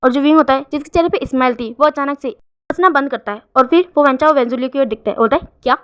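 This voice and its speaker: A woman tells a fan-fiction story in a quick, high voice. She narrates casually, restarting and correcting herself often as she goes. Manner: repetitive, self-correcting, many restarts.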